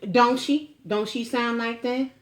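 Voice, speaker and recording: A woman's voice: on the high side, steady tone, measured pace, slight background noise. A middle-aged woman chatting casually to camera at home, folksy and teasing, with frequent asides to her viewers. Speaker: vlogger.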